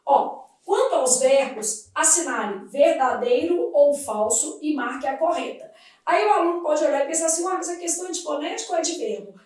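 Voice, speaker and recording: A woman teaching a grammar lesson, explaining each point step by step and asking the class quick questions. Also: high-pitched, a little mellow. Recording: echoey room, far from the mic.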